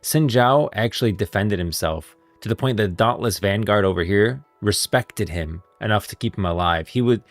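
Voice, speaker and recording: On the low side and barely pausing, a man hosting a livestream rambles through casual lore commentary, stressing and repeating his points at a moderate pace. The recording is dry, with music playing in the background.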